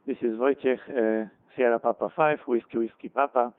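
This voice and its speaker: A man from Poland, checking into an amateur radio net over a ham radio call, giving his call sign in a steady, matter-of-fact way. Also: medium pitch, normal speed, no room sound. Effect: radio transmission. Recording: narrow phone-like radio audio with faint hiss.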